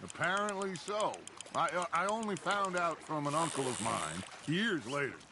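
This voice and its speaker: Brief: an easygoing western outlaw, slightly high voice, relaxed and reflective, outdoor water ambience. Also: male voice, normal speed, background noise.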